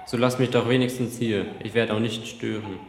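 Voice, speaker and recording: A man's voice: mid-range voice, steady tone, normal speed, close to an everyday voice. Guy doing a wry defiant jailed healer, echoey room, faint background noise. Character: defiant old village healer prisoner.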